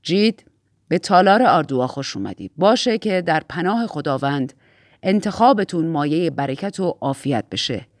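A woman's voice: low voice, lively intonation, no echo, clean studio sound, voice pushed down. A woman voicing an elderly, stern female leader who gives a solemn, formal speech.

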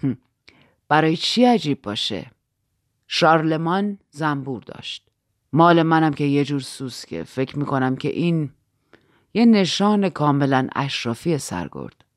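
A woman voicing a courteous, melancholy male count in an audiobook, speaking low, slow and gently ironic. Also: big pitch swings, dry recording, clean studio sound, exaggerated voice. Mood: wry, quiet.

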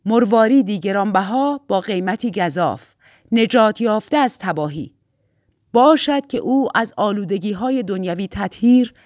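A woman's voice: medium pitch, no room sound, clean studio sound, natural voice. A woman voicing a devout, strict aunt who makes a reverent, formal pledge.

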